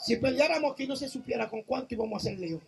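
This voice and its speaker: High-voiced fervent preacher. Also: male voice, expressive, very fast, creaky, slight background noise. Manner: fervent, shouting exhortations with repeated praise calls. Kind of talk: Pentecostal sermon.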